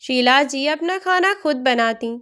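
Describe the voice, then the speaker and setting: A woman narrating a family moral story in a steady, plain storytelling manner. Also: sits high, measured pace.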